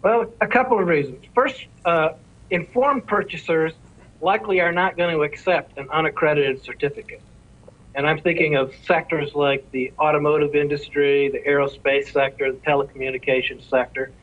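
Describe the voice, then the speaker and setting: A man interviewed as an industry executive, giving measured, careful answers that lay out points in order. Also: on the high side, steady tone. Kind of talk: formal explanatory answers. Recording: tinny phone line.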